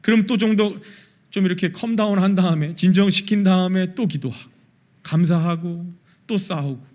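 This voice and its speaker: A pastor preaching a sermon, asking the congregation questions and acting out prayers and quarrels in quoted voices. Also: male voice, high-pitched, normal speed, darkish tone. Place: church worship service.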